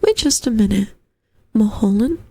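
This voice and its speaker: Woman reading as a polite, puzzled young lodger, mellow voice. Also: on the high side, expressive, normal speed, creaky, slightly rough, dry recording, full character voice. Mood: searching memory. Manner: musing, hesitant, courteous. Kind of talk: storybook character voice.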